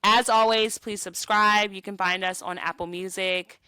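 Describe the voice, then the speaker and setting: A woman's voice: mid-range voice, steady tone, moderate pace, sharp tone, clear, resonant tone, dry recording. A woman co-hosting a podcast in casual chat, playful, slangy and chatty, with a slight lisp. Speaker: podcast co-host.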